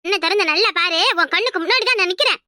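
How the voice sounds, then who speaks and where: Cartoon: a nagging Kanyakumari mother-in-law, very high, fast, shrill, dry studio. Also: bright, forceful tone, no room sound, exaggerated voice. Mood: scolding. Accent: Kanyakumari Tamil. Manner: scolding, quick and shrill. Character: sharp-tongued older village mother-in-law. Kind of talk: cartoon voice acting.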